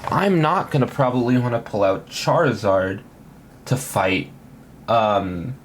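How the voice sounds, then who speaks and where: A man's voice: mid-range voice, expressive, a little slow, a little hiss or hum. A man casually commenting on his gameplay at home, rambling and thinking aloud with lots of fillers. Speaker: gaming commentator.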